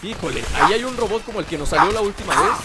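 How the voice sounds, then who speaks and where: Racing along in a high, animated voice over loud music, a man with a Mexican accent does playful let's play commentary. The gaming host rambles to himself and his viewers, with the game's sounds audible behind him.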